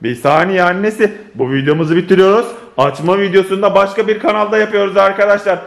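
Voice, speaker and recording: A man making a casual family vlog at home, excitable and playful, constantly turning to talk to his viewers. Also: high voice, quick pace, vocal fry. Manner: excitable, keeps addressing viewers as friends. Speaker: family vlogger.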